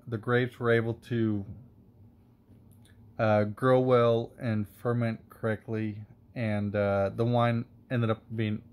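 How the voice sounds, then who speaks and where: A man vlogging, rambling and getting heated, with many fillers and curses. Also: medium pitch. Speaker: wine reviewer and vlogger. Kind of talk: casual rant to camera.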